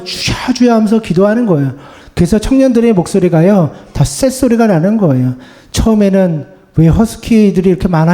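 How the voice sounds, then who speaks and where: A man preaching a Sunday sermon as pastor, earnest and conversational, often ending his points with a gentle spoken refrain. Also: high-pitched. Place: church sanctuary.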